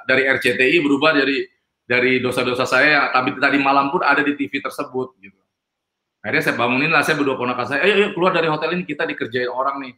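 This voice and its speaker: A man's voice: medium pitch, bright, forceful tone. A man telling a personal testimony in an interview, rambling and emphatic, with frequent fillers. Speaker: guest. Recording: echoey room.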